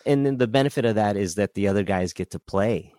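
A man's voice: lowish voice, fast, dark tone, no echo, clean studio sound. A man from the San Francisco Bay Area, a musician guest on a sports podcast, chatting in an easygoing way full of "you know". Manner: easygoing, filler-heavy, "you know" throughout. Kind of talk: casual sports chat.

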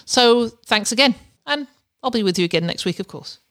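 A woman's voice: fairly high pitch, lively intonation, moderate pace, fairly bright tone, faint music behind. A middle-aged woman hosting a podcast, chatting unscripted and effusively, speaking directly and personally to her listeners. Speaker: podcast host.

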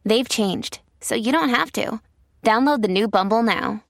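A woman's voice: fairly high pitch, unhurried, no echo, clean studio sound. Wry woman voicing an app ad. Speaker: ad announcer. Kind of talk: scripted ad read.

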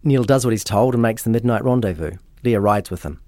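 A man, hosting and narrating a true-crime story in a measured, matter-of-fact way. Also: fairly low pitch, mellow, no room sound, studio quality. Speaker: podcast host.

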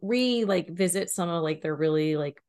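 A woman co-hosting a romance book podcast, talking in a relaxed, rambling way full of "like" and little asides. Her voice sits a bit low for a woman, and her talk is loose and unscripted. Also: normal speed. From Pennsylvania, US. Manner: chatty, heavy use of "like", animated and laughing. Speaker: podcast co-host reviewing romance books. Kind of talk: casual chat.

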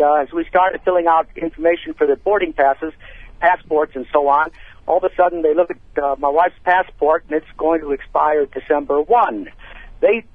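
A man calling in from his car, his voice squeezed through a thin, clipped phone line with no room sound around it. He talks plainly and asks careful questions, a touch higher than most men. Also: no room sound. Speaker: caller. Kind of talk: call-in radio chat.

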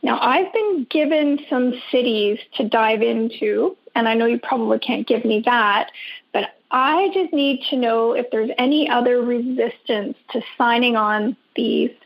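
A woman's voice: fairly high pitch, unhurried, gravelly, slightly rough. A woman from Canada calling into a radio show over a phone line, asking an earnest, rambling question. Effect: caller heard over a phone line into a radio show. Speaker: caller. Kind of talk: call-in question to a radio host.

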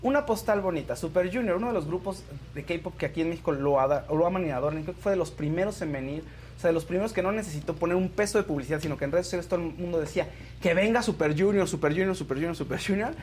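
Mexican-accented co-host, rapid delivery, chatty news banter over faint background noise. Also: mid-range voice, a little mellow. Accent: Mexican Spanish. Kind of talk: casual news commentary and banter.

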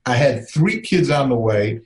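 A man's voice: mid-range voice, animated, a little slow. A middle-aged man telling a personal story in a conversational way, acting out the voices of the people in it. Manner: earnest, conversational, acts out quoted voices. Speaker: filmmaker telling his story. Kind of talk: personal storytelling, public speaking.

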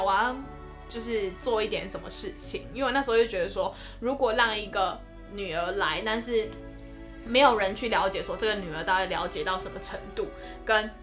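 A young adult woman, a nurse telling a story in a casual podcast chat, expressive and animated. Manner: expressive storyteller, lively swings in pitch.

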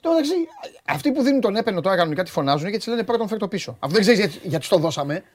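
A man's voice: high-pitched, animated. A man hosting a sports radio show, chatting casually and animatedly, often exclaiming and acting out quotes.

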